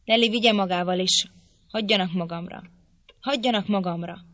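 A woman voicing a furious, domineering middle-aged man who shouts threats, in an audiobook reading. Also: mid-range voice, no room sound, natural voice. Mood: cold threatening.

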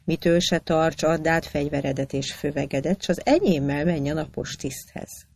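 A reader voicing a calm commanding statesman. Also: mid-range voice, slightly rough, no echo, clean studio sound. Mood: kindly. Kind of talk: read-aloud anecdote.

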